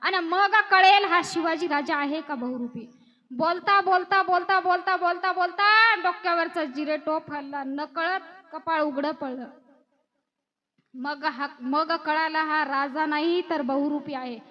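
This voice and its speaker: A woman's voice: high-pitched, steady tone, a little slow. A woman telling a devotional story as a kirtan preacher, acting out voices with emotional swells and addressing women in the audience. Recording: dull lo-fi recording.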